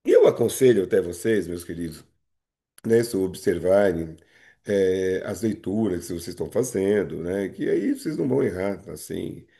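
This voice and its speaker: A Brazilian Portuguese-accented male teacher talks a class through a grammar lesson on video. His voice sits fairly low and sounds warm and mellow. He explains patiently, often stops to check the class is following, and restarts phrases with small fillers. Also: animated, normal speed, vocal fry. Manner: explains patiently with frequent "né?" and "não é isso?" checks.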